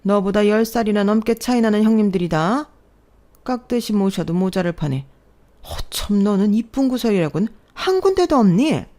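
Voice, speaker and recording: A woman voicing a domineering middle-aged mother-in-law in an audio story, scolding sharply and loudly. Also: medium pitch, lively intonation, moderate pace, natural voice.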